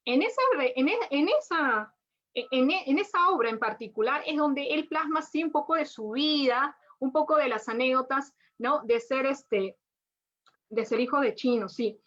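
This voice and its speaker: High-voiced woman lecturing. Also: moderate pace, fairly bright tone. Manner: frequent tag questions and restarts. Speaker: lecturer on literature. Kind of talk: academic lecture. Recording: dull lo-fi audio.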